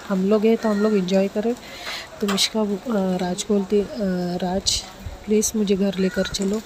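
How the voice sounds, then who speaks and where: Woman, casual storyteller, mid pitch, flat delivery, noisy home recording. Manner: retells a romance, voicing every character in her own plain voice.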